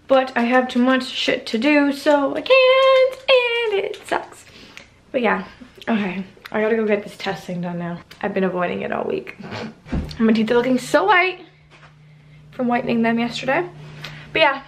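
A woman's voice: fairly high pitch, big pitch swings, moderate pace, echoey room, low-quality recording. A woman in her twenties chatting casually to camera in a home kitchen, upbeat and full of "like". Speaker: vlogger. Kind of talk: casual vlog chat.

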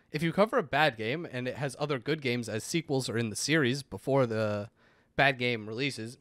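A man co-hosts a game podcast, reading listener letters aloud in a dry, deadpan way during casual chat. His voice sits at medium pitch, and the recording has no echo.

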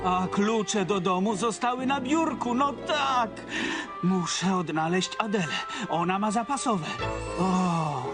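Mild cartoon vet, high-ish, slow and musing. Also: male voice. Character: kind, absent-minded male vet Fred. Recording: cartoon music behind.

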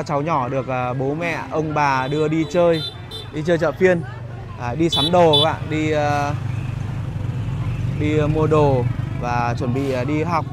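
A man giving a casual walking vlog commentary as a guide, pausing often on fillers as he talks to viewers. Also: a little high. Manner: hesitant phrasing with frequent filler pauses. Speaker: market vlogger and guide. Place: outdoors in a busy rural street market. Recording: noisy outdoor market street ambience. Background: market bustle and vehicles.

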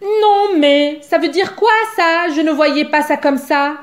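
A woman's voice: sits high, sing-song, a little slow, warm tone, reverberant. A woman voicing a curious, doubtful little male mouse in a children's story, asking plaintive questions. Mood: disappointed. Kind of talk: storybook character voice.

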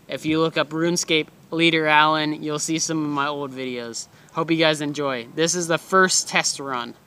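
A man's voice: fairly high pitch, fairly even intonation, normal speed, bright, forceful tone, smooth. A young man chatting casually to his phone camera while walking by a road, out of breath and rambling. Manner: chatty, rambling, self-deprecating. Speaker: vlogger. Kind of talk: casual vlog talk to camera. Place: outdoors by a busy road.

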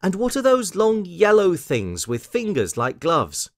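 A man's voice: sits high, huge pitch swings, measured pace, pitched above the performer's own voice, heavily acted. A man voicing a curious, forthright little girl in a children's storybook, questioning and exclaiming. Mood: delighted.

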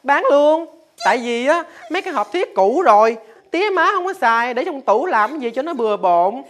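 A woman's voice: high voice, sing-song, fairly quick. A woman with a Southern Vietnamese accent playing a cocky, boastful young sibling, retorting with mock exasperation. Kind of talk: rural family TV drama.

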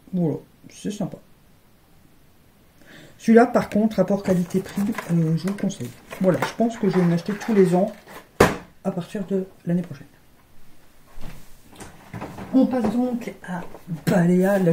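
A beauty vlogger with a lowish voice chats casually as she unboxes advent calendars, often stumbling over and repeating her words. There's noise in the background.

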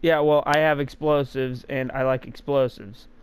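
A man playing a video game with a friend in a casual chat, excitable and quick to shout and laugh. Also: mid-range voice, clean tone. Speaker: gamer.

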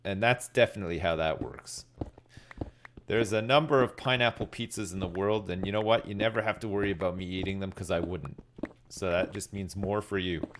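A man's voice: deep voice, fairly quick, noisy background. A middle-aged man giving rambling, laid-back, sweary commentary as he streams a game and chats with viewers. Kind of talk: casual live gaming commentary, chatting with viewers. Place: indoors at a desk, streaming.

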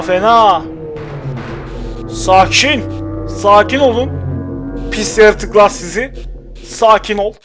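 A young man with a high voice talks through a playthrough, muttering and nagging at the characters on screen. Game music plays clearly underneath his commentary. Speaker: gaming channel host. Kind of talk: let's play commentary. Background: game music and sound effects.

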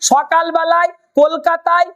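A woman with a high voice runs a spoken English lesson. She asks the same question again and again and slows down on the key phrases for her learners to repeat. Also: little pitch movement, fairly bright tone, highs cut off. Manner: drills learners with repeated questions and slow prompts. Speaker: English teacher.

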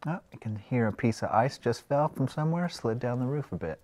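Walking around an old airport site outdoors, a travel vlogger talks a little fast in a mid-range voice. He keeps it relaxed and casual, pointing things out as he explores.

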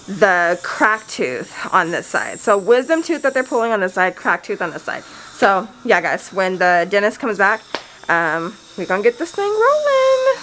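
A woman's voice: fairly low pitch, fairly bright tone, slight background noise, rough recording. A woman in her thirties chatting casually and nervously to viewers on a handheld camera, candid and talkative. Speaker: family vlogger. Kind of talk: casual vlog chat to viewers. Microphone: handheld camera at arm's length.

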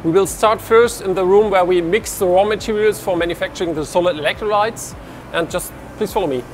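Speaking fairly quickly in a high voice, a man from Germany leads a tour through an industrial hall indoors, explaining with his hands into a lapel mic. He's a researcher showing off his lab, restarting often, and background noise can be heard.

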